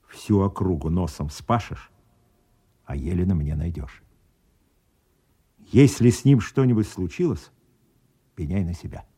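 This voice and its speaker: Male: army major, low dark husky voice, curt authority, military drama. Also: animated, a little slow, long pauses, exaggerated voice. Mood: menacing. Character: stern, weary army major interrogating his soldiers.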